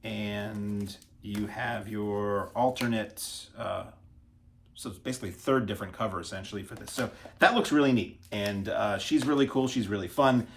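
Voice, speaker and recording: A man's voice: fairly low pitch, moderate pace, a little hiss or hum. A man hosting a casual unboxing video, chatty and self-deprecating as he stumbles over foreign names. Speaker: video host reviewing disc releases.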